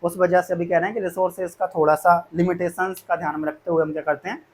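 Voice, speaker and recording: High-voiced teacher talking to students. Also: male voice, level tone, quick pace. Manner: repetitive, reassuring, addresses students as kids. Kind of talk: explaining course fees to students.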